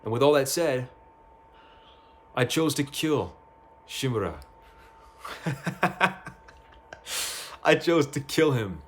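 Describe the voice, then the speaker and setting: A man talking casually about a video game ending, excitable, swearing freely and often stumbling over and repeating his words. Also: mid-range voice, a little slow, pauses often. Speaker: gaming youtuber. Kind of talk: casual game review monologue. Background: faint music.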